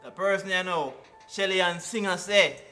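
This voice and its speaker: A man's voice: sits high, normal speed, over music. A man with a Jamaican accent reading out comments and reacting in casual vlog banter. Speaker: co-host of a YouTube reaction video.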